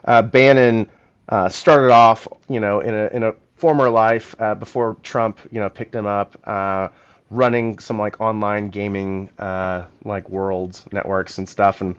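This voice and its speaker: A man's voice: on the low side, level tone, unhurried, smooth, muffled recording. A man co-hosting a podcast, talking through a political topic in long, thinking-aloud explanations in a casual chat. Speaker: podcast co-host.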